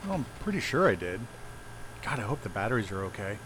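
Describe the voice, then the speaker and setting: A man's voice: lowish voice, big pitch swings, quick pace, background noise. An actor playing an enthusiastic, playful male paranormal investigator in an audio drama. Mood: teasing. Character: eager male paranormal investigator and house flipper.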